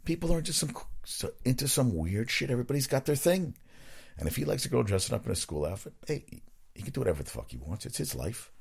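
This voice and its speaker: A man's voice: medium pitch, very animated, quick pace, creaky, darkish tone, breathy edge. A man hosting his own sports podcast, rambling casually from topic to topic and swearing freely. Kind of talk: casual solo sports talk.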